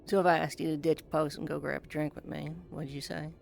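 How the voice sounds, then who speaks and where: A person playing a wry, teasing soldier on watch in a conversational improvised role-play, with a gravelly voice. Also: medium pitch, flat delivery, fairly quick, darkish tone, a little hiss or hum. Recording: faint music behind.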